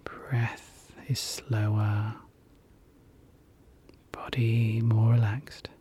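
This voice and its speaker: A relaxation guide leading a guided hypnosis session in a soft, soothing whisper, repeating gentle calming phrases. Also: medium pitch, very slow, a little hiss or hum.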